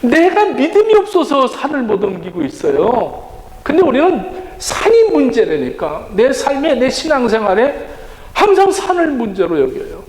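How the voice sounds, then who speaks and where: A pastor giving a sermon with animated delivery, addressing the congregation directly and acting out the voices he quotes. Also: very high-pitched, normal speed. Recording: echoey church hall with long reverb.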